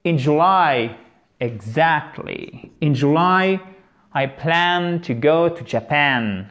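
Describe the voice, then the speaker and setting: Slow, careful teacher man. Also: a little high, lively intonation, fairly bright tone. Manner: explains slowly, repeats English words with careful stress. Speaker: English teacher. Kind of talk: video lesson.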